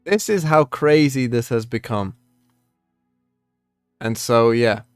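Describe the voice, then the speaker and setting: Exasperated man ranting, very animated pitch. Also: clear, resonant tone, dry recording, clean studio sound, faint music behind. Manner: exasperated, incredulous, emphatic, swinging between measured and worked-up. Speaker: video creator ranting about card game balance. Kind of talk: unscripted rant commentary.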